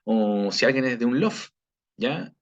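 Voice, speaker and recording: Chilean man, language teacher on a video lesson, patient, keeps checking in with students, mid-pitched voice, slightly dull lo-fi sound. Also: expressive. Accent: Chilean Spanish. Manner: patient, checks in with frequent "¿ya?" and "¿cierto?"; slow, careful pronunciation of example phrases. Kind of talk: recorded video lesson review.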